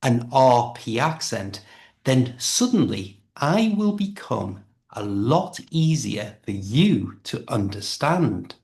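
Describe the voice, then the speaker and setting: A man from Liverpool, England, speaks in a mid-range voice with a Liverpool accent, taking his time. He's an English conversation tutor explaining things in a casual chat, lively and throwing in accent impressions.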